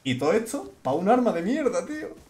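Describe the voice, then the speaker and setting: A young man with a Spain Spanish accent, streaming a game in loud, excitable, crude banter. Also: high voice, brisk. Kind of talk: casual gaming stream banter.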